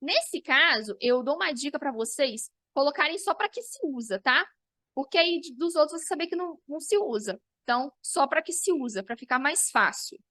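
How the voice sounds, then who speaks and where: A woman's voice: sits high, lively intonation, moderate pace, pushed and bright, no room sound. A woman teacher, giving an online review lesson and explaining step by step, often checking in with her students.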